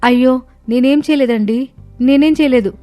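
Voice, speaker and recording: A woman's voice: high voice, normal speed, mellow, soft background music, natural voice. A woman voicing an innocent young village daughter-in-law, pleading and distressed.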